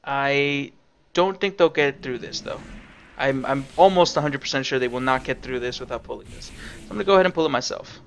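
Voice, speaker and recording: A young man with a gravelly, fry-edged voice at a middle pitch talks through a dungeon run. He is casual and sarcastic, drops a curse now and then, and slips in teaching tips as he plays. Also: a little fast, a little hiss or hum. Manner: sarcastic, casual, swears freely. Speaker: game streamer. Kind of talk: gameplay commentary.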